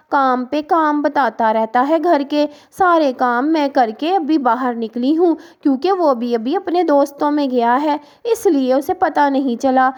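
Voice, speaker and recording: A woman voicing a vain, chatty female crow in a cartoon story, gossiping excitedly and complaining about her mate. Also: high-pitched, muffled recording.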